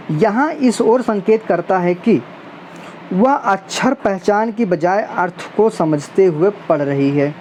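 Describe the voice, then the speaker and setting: A woman's voice: fairly low pitch, dark tone. A woman teacher reads out multiple-choice test questions and their options, then explains which answer is right, with a faint hiss behind her. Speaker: exam prep teacher. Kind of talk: reading and explaining quiz questions.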